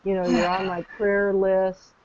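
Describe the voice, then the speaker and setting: A woman calmly guiding a session, gentle and affirming, talking soothingly about calm and connection. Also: mid-range voice, a little slow, noisy background. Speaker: session facilitator. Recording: dull lo-fi recording.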